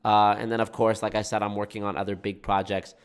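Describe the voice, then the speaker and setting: A man with a blocked nose and congested sound talks fast in casual livestream chat with viewers, swearing and using a folksy "y'all." His voice is on the low side and clear, with a resonant tone and flat delivery.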